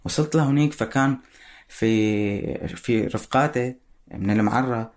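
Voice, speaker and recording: A man with a Syrian Arabic accent giving personal spoken testimony in a halting way, searching for words. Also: mid-range voice.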